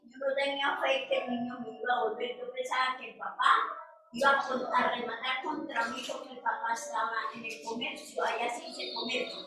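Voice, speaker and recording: A woman with a high voice tells a fervent personal testimony, repeating herself and calling her listeners sister. She is far from the mic in a very echoey room. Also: steady tone, fairly quick, bright, forceful tone, soft background music. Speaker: church member giving testimony. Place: church meeting room.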